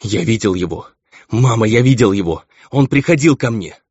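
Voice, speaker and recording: Man doing a feverish young son, frantic raving, higher voice, dull dry recording. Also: expressive, moderate pace, a little mellow, breathy edge, no room sound.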